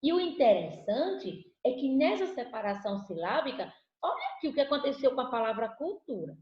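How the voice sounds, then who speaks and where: A woman's voice: high-pitched, sing-song, fairly quick, a little mellow. A Brazilian Portuguese-speaking woman teaching an online lesson, patiently asking the class questions and answering them herself. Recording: echoey room, dull lo-fi audio.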